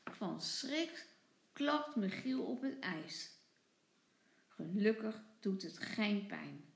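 A woman teacher reading a children's storybook aloud in an expressive, sing-song way. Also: mid-range voice, very slow, vocal fry, echoey room, slight background noise.

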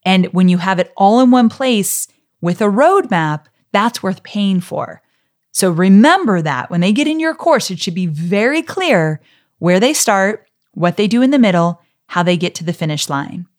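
A middle-aged woman hosts a solo teaching podcast, speaking straight to her listeners in a warm, encouraging, friendly way. Her voice is mid-range and animated, at a normal speed.

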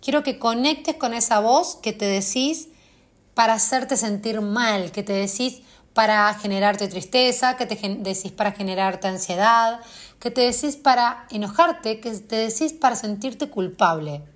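A woman's voice: on the high side, measured pace. A woman, hosting and guiding listeners through a self-help exercise, speaking straight to them and asking many questions. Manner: coaching, asks many questions directly of the listener. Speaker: host.

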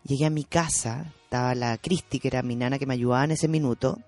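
A woman's voice: rumbling low, fairly even intonation, fast, a little mellow, faint music behind. A woman with a Chilean accent telling a personal story in casual conversation, emotional and self-revealing, repeating words for emphasis. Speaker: podcast guest sharing a personal story.

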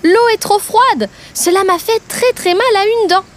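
Woman doing a storybook crocodile, male, fearful, whiny, aching tooth, high voice. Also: measured pace. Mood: pained.

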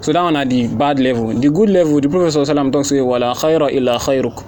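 A man's voice: medium pitch, racing, a little mellow. A man with a Nigerian accent in a casual religious discussion in Pidgin, teaching conversationally through paraphrase and everyday examples.

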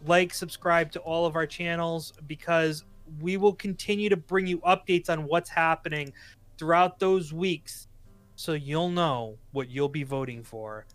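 A man's voice: fairly high pitch, fairly bright tone, dry recording. Boston man rambling through show announcements. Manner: rambling, promotional, self-correcting. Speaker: podcast co-host. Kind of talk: casual podcast chat.

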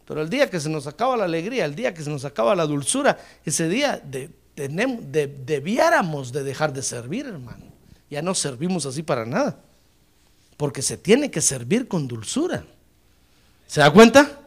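A male pastor delivering a sermon in a high voice that leaps up and down constantly. He swells into emphatic bursts, then drops almost to a murmur, calling out to his brothers in the pews. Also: very animated, normal speed. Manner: preaching with sudden surges and drops in pitch and volume; repeatedly addresses listeners as brother.

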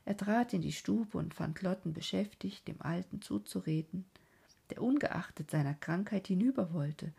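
Husky, whispery woman reading a classic. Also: medium pitch. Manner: soft, often sinks into a breathy whisper; slow, earnest, dramatic phrasing. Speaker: audiobook narrator. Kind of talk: literary reading of a classic novel.

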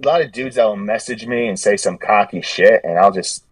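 This podcast guest, creator of a gym meme page, speaks on the low side and fairly quickly, sounding distant from the microphone. His casual storytelling wanders, with frequent restarts and self-corrections.

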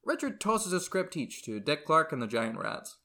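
Bright, animated man narrating comedy. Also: on the high side, normal speed, vocal fry. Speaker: narrator reading stage directions.

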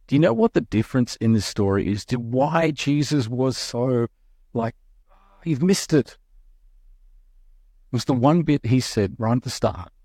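A young adult male pastor preaching a sermon in an animated, quick way, with restarts and acted-out quotes. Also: medium pitch, dry recording, clean studio sound.

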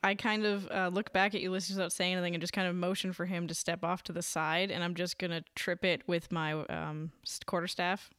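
Low-voiced woman tabletop player. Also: level tone, a little fast, hardly any pauses, fairly bright tone, smooth, dry recording. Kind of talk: casual tabletop play.

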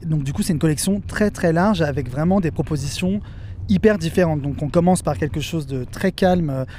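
An upbeat man co-hosting a casual fashion podcast, speaking with a fairly high but mellow, soft-edged voice. He is enthusiastic and piles on intensifiers as he describes what he saw. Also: fairly quick, slight background noise. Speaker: podcast co-host. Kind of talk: casual chat about fashion shows.

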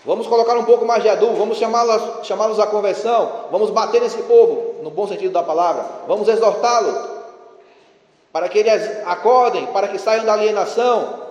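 A man's voice: sits high, a little fast, darkish tone. A priest giving a sermon in a conversational, ironic way, urging his congregation. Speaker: parish priest. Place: church. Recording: echoey church with long reverb.

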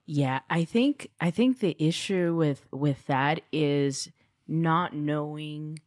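A woman hosting an interview, asking her guest questions in a slow, thoughtful way. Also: low-pitched, darkish tone, no room sound, clean studio sound. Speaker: host. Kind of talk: casual interview.

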